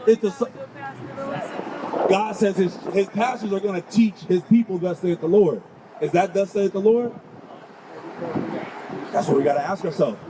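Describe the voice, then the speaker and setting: Brief: fairly high-voiced male street preacher, emphatic and questioning, outdoors with loud traffic noise behind. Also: moderate pace, long pauses. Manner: questioning, emphatic, calls out 'come on'.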